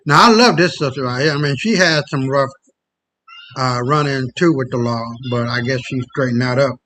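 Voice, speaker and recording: A man's voice: medium pitch, normal speed, pushed and bright, rough recording. A man hosting a podcast in casual chat, blunt and profane, often stumbling over repeated words. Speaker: podcast host.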